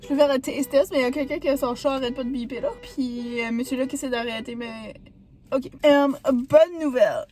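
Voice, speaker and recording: A young woman with a Quebec French accent, hoarse from a sore throat, chatting and rambling in a casual vlog with lots of fillers. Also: high voice, steady tone, quick pace, darkish tone. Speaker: vlogger.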